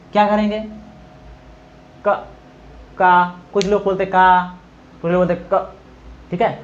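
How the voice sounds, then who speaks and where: A man's voice: high-pitched, fairly bright tone, highs cut off. A man teaching a Hindi grammar lesson for exam preparation, asking questions and often checking in with the students. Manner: repeats filler confirmations and asks students questions.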